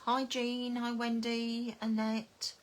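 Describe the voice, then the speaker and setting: A woman's voice: fairly high pitch, completely flat delivery, takes it slowly. A middle-aged woman, chatting casually on a craft live stream and greeting viewers by name. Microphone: phone camera.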